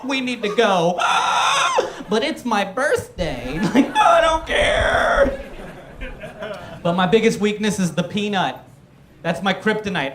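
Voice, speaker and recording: A man's voice: high-pitched, echoey room. A man performing a stand-up comedy set, telling stories animatedly and acting out other people's voices. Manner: animated storytelling with acted-out voices. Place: comedy showcase room with live audience.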